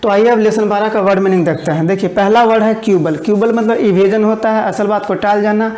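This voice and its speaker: A woman teaching English vocabulary in an online exam-prep lesson, explaining each word and then dictating it slowly with repetitions. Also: mid-range voice, fairly even intonation, a little mellow, echoey room.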